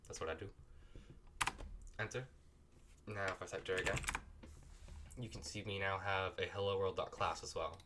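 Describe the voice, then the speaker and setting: A man's voice: deep voice, steady tone, moderate pace, long pauses, background noise. A man with a sick voice walks through a coding tutorial in a casual, apologetic way, recorded at a home computer desk. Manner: loose and apologetic, talks while clicking through steps. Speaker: tutorial host.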